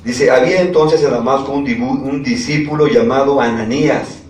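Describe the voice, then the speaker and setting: With a darkish tone and a little hiss or hum on the recording, a man preaches at a moderate pace in a medium pitch. He reads scripture aloud and regularly asks his congregation questions, heard from a distance in an echoey space.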